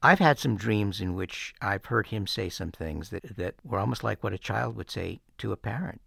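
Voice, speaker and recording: A man hosting a podcast, speaking gently and thoughtfully from a studio. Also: on the low side, moderate pace, creaky, slightly rough, no room sound. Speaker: podcast host. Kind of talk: reflective narration and phone interview. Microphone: studio mic.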